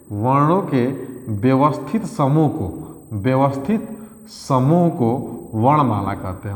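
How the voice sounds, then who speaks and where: Man teaching grammar in an echoey room. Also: mid-range voice. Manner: repeats key phrases, quizzes pupils, calls them "beta". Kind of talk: exam-prep grammar lesson. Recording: echoey room with long reverb.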